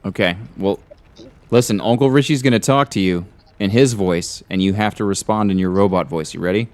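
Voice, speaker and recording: A man's voice: fairly low pitch, fairly quick, darkish tone, dry recording. A man in a casual online game chat, coaxing and encouraging a child to speak. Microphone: video call.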